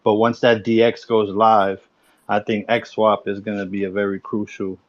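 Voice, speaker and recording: A man's voice: fairly low pitch, level tone, normal speed, no room sound. A man in a casual online voice chat, giving upbeat recommendations. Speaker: participant in a crypto community audio space. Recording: dull lo-fi voice chat.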